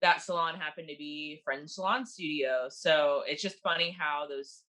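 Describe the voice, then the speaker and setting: Chatty woman stylist, bright tone. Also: low voice, moderate pace. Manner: relaxed, chatty, with fillers. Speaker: hair stylist, salon owner. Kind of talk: casual storytelling in a podcast interview.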